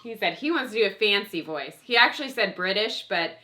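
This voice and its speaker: A homeschool co-op teacher leads children in a playful class recitation, upbeat and coaxing them to chant along. Her medium-pitched voice is animated, brisk, pushed, and bright.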